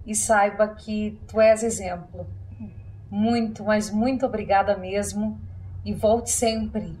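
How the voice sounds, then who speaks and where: Earnest TV hostess. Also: female voice, medium pitch, fairly even intonation, slow pace, a little mellow, a little hiss or hum, rough recording. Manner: earnest and effusive. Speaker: TV show host. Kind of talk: closing a televised interview. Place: TV studio.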